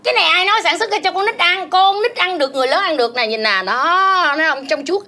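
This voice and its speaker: Melodramatic mother-in-law, very high voice, bright, scolding, comic folk opera. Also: lively intonation, fast talker, exaggerated voice. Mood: fussy. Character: fussy, dramatic, wailing mother-in-law. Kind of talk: comic folk-opera acting, spoken and sung. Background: folk music.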